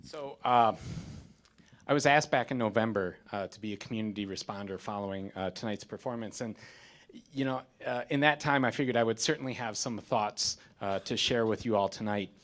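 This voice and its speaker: After a stage show, a community responder in his thirties from the United States addresses the theater audience from his notes. His fairly low voice has a slightly bright edge, and his hesitant, filler-filled opening grows into firm statements.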